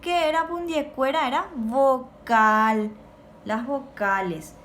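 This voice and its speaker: Woman teaching kids on a recording, fairly high voice, drills words slowly, faint noise behind. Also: a bit bright. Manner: slow, clear drilling of words for repetition. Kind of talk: recorded remote lesson for children.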